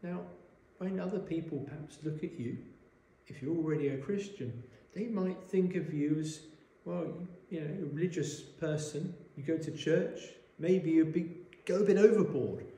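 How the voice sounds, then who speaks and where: A man preaching a sermon, explaining a Bible passage in a measured way and asking rhetorical questions, recorded in a church. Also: on the high side, mellow. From Wales. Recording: echoey church room.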